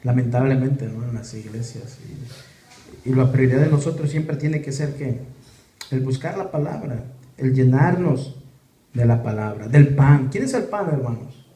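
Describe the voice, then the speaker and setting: A man's voice: mid-range voice, lively intonation, normal speed, dark tone. A man preaching a sermon, with many rhetorical questions to the congregation. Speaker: pastor. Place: church hall. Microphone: camera or phone in the room. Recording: echoey church room, faint noise.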